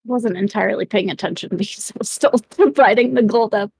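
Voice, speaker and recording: A woman's voice: mid-range voice, fairly quick, gravelly, a little mellow, slightly rough, dry recording, low-quality recording. A woman playing a tabletop role-playing game, chatting loosely and laughing as she talks. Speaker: player. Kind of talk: casual tabletop game chat.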